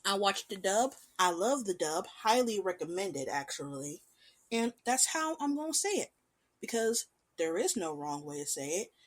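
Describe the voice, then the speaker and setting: A woman hosting a casual show, talking about an anime in an animated, chatty way with lively swings in pitch and loudness. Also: moderate pace. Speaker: podcast host.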